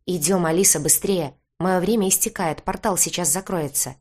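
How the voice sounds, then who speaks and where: A woman voicing a gruff, impatient young man. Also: lowish voice, moderate pace, darkish tone, natural voice. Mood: urgent. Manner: gruff, scolding, curses under breath.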